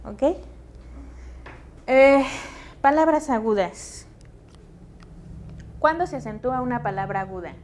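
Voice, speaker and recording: A woman's voice: on the high side, lively intonation, slow, pauses often, darkish tone, a little hiss or hum. A woman teacher with a Mexican Spanish accent lecturing a class in a classroom, patient and checking understanding with questions.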